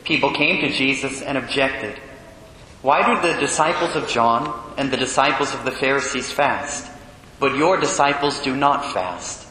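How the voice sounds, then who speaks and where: A priest reading the Gospel and preaching a homily in a measured way, with rhetorical questions, his voice in a cathedral echo inside a large church. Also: bright, forceful tone. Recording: booming long reverb in a large church.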